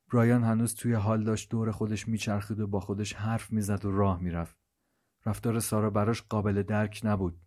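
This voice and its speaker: A man with a fairly low voice narrates a scripted story. His delivery is slow, measured and hushed. He keeps a steady storytelling tone throughout.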